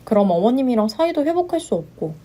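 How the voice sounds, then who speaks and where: A woman voicing a polite, long-suffering young wife who speaks in a measured way and turns firm under pressure. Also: a little high, big pitch swings, mellow. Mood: worried. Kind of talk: story narration with voiced roles.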